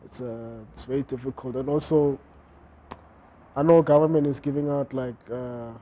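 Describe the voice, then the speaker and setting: A man's voice: mid-range voice, steady tone, moderate pace, dark tone. A man answering interview questions about his fashion brand, hesitant and full of fillers. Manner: hesitant, many fillers and restarts. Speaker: fashion designer, interview guest.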